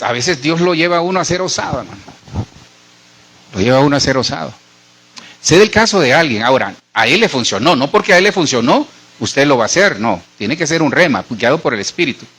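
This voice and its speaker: Colombian pastor guy preaching, talks right at the people, high-ish bright voice, middle aged. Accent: Colombian Spanish. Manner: conversational preaching, addresses listeners directly. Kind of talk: sermon.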